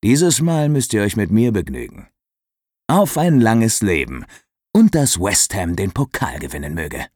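A brash young man, as a male narrator plays him, blunt and ribbing, close to the reader's own low voice. His pitch rises and falls a lot in a close, dry recording. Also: sing-song, unhurried, darkish tone, no room sound. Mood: celebrating. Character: brash young man, best friend and brother.

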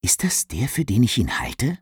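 A man voicing a newly engaged young woman in an audiobook, teasing and a little wary, lifted above his own lower voice. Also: huge pitch swings, normal speed, breathy edge, dry recording, studio quality, full character voice. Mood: hushed urgent.

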